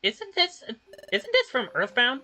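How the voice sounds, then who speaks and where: A woman reads a game's dialogue aloud. Her voice sits a touch high and sounds bright. Her delivery is animated and swings widely in pitch. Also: unhurried, slight background noise. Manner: expressive, animated line reading. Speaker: game player voicing dialogue. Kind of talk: reading game dialogue aloud.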